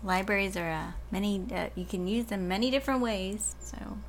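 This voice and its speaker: A woman's voice: medium pitch, a little fast, slight background noise. A woman who works as a librarian, chatting casually and laughing often. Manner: giggly, rambling. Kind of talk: casual chat.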